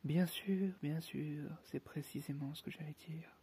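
A man's voice: fairly high pitch, fairly even intonation, a little slow, mellow, breathy edge. A man voicing a sleepy dormouse that mumbles while half asleep, for a storybook. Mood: drowsy. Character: drowsy dormouse talking in its sleep.

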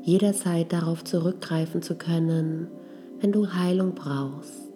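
A woman leading a guided healing meditation in a soft, gentle, breathy voice that trails toward a whisper. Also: on the low side, fairly even intonation, measured pace. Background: music.

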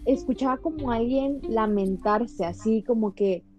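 A young woman, a podcast guest telling a personal story in an animated way, full of "o sea" and "¿no?". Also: on the high side, measured pace, faint music behind, rough recording. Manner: animated, fills talk with "o sea" and "¿no?". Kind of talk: casual storytelling.

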